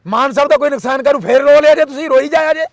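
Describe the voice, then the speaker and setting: Captured in a dry recording, a man with an extremely high pitch speaks heatedly in an interview. He peppers it with rhetorical questions and runs through repeated demands in fast lists.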